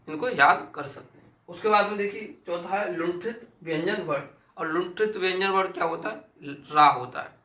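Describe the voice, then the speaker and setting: A man's voice: on the high side, pushed and bright, reverberant. A man teaching an exam-prep grammar lesson, repeating sounds aloud and asking and answering his own questions.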